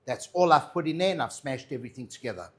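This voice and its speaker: Answering viewer questions during a casual cooking demo, this South African-accented chef, born in Madeira and raised in South Africa, keeps things chatty and reassuring with tags like "yeah?" and "all right?". His mid-range voice is a bit bright, quick, and lively in intonation.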